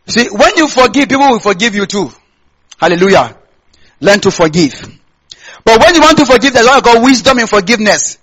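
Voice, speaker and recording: A man's voice: high-pitched, lively intonation, a little fast, fairly bright tone, rough recording. A man from northern Nigeria with a Hausa accent preaches a sermon conversationally, repeating phrases and putting questions to his listeners. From Kaduna State, Nigeria. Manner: conversational, repeats phrases, asks listeners to complete or confirm lines. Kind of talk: sermon to a congregation.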